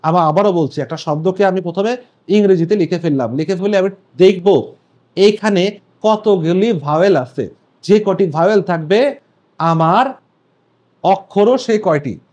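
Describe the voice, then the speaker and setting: A man's voice: high voice, measured pace, pauses often, a little mellow, highs cut off. A young male teacher, lecturing step by step on poetry meter and repeating key points for students.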